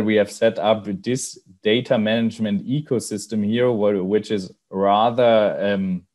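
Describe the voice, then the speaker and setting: A man gives a slide talk in a webinar, in a fairly low voice. He moves along at a very slow, deliberate pace. He keeps pausing with fillers and restarting his sentences. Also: darkish tone. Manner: hesitant, many fillers and restarts. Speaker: webinar presenter. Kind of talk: slide presentation.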